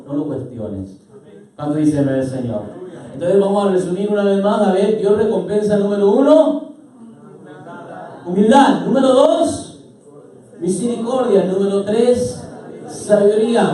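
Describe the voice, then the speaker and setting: A male pastor giving a sermon, asking the congregation questions and rising to loud, emphatic declarations. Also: medium pitch. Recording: echoey hall, voice from far off.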